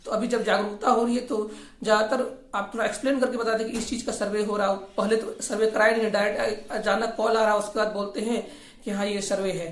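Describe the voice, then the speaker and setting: Speaking quickly in a level, mid-range voice, the host of a regional affairs channel offers informal political commentary. She is critical and argumentative, often circling back to the same points. The room is echoey, and there's a little hiss or hum.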